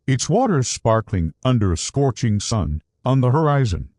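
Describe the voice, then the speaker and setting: Lively male storybook narrator. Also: mid-range voice, normal speed, no echo, studio quality. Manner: animated, storybook delivery. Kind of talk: scripted children's story narration.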